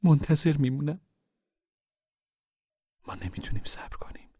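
A man voicing a patient, caring middle-aged mother who coaxes softly, in a storybook reading. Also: on the high side, animated, breathy edge, pitched above the performer's own voice. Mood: coaxing. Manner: soft, coaxing speech.

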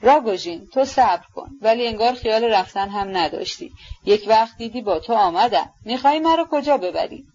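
A woman doing a proud, scornful young woman, higher voice. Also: expressive, darkish tone, breathy edge, highs cut off. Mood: bitter. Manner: scornful and mocking. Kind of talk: audiobook character reading.

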